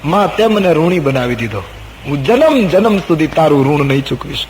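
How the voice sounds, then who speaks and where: A man's voice: on the high side, very animated, normal speed. A man voicing an earnest, pleading young prince. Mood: grateful. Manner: urgent, pleading, emotional. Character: devoted young prince, anxious and earnest son. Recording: echoey room, faint noise.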